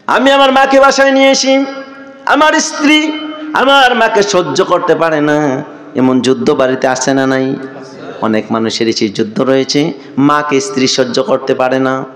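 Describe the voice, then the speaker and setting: A man voicing a grief-stricken grown son who tearfully confesses a terrible wrong, his voice pitched high as he pleads. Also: natural voice. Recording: echoey sermon sound.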